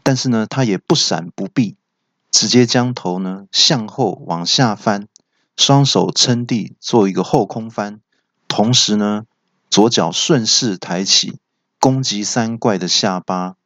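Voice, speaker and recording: A man, a podcast host telling a comic tale in lively martial-arts style. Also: lowish voice, measured pace, no echo, dull audio. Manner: lively, wuxia-style action narration. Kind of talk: comic storytelling.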